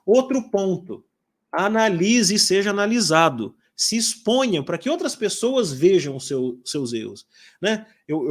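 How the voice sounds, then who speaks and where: A man in his forties from Brazil, a corporate English teacher giving a chatty live webinar talk, often tagging "né?". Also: high-pitched. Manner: chatty, lively, many filler tags.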